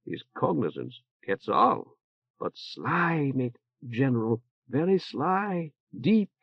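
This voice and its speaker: A man's gravelly, medium-pitched voice, raised above his own and very animated, brings a fretful older churchman to life in a heavily acted audiobook performance. The character is anxious and halting, hedging with "uh" and ending lines with "eh?" No echo is heard, but the recording is dull and muffled.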